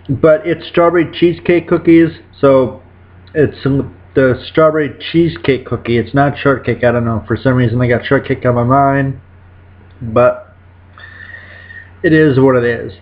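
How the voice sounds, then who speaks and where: With a medium-pitched, fairly even voice, this thirtysomething food reviewer takes a measured pace and leaves long pauses while sampling snacks at home. The vlog is casual and rambling, with self-corrections, captured on dull, lo-fi webcam sound indoors.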